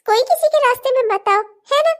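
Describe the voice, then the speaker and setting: A woman's voice: extremely high pitch, lively intonation, quick pace. A woman voicing a betrayed wife in a cartoon comedy who stubbornly refuses to leave and vows revenge. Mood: defiant. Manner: defiant, mocking and drawn out. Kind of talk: Hindi cartoon comedy voice acting.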